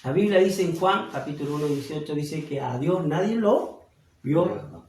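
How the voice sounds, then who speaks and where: A man from Argentina with an Argentine Spanish accent, preaching a Bible study sermon as pastor. He slows down and swells on key phrases. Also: fairly high pitch, lively intonation, a little mellow. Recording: roomy, from a distance off mic.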